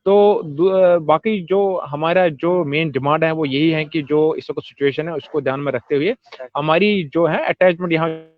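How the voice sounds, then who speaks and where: A man's voice: fairly high pitch, moderate pace, dry recording. A man speaking for protesting employees over a glitchy call line that keeps cutting out, hesitant and full of filler sounds. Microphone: phone or video call. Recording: dry, muffled call audio.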